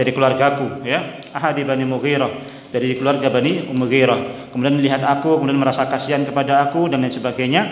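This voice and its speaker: Chatty preacher in echoey hall. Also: male voice, a little high. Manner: chatty, keeps checking the audience understands, laughs often; mixes in Javanese phrases and chants Arabic text. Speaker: Islamic preacher. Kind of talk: religious study lecture. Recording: echoey hall, long reverb.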